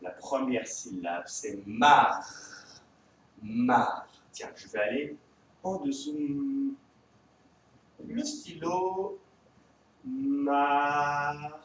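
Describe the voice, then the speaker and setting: A man with a French accent teaching young children from home, his voice high for a man and lifting in a sing-song line. He talks slowly and patiently, stretching his words. He sounds set back from the mic in a very echoey room. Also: sing-song, distant mic, a little hiss or hum. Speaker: kindergarten teacher. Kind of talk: remote classroom lesson for young children.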